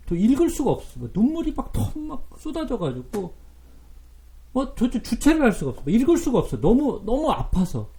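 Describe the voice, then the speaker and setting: A man's voice: fairly high pitch, vocal fry, a little mellow. Earnest, emotional male Bible teacher. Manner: emotional, earnest, asks the audience questions. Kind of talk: sermon-style Bible teaching.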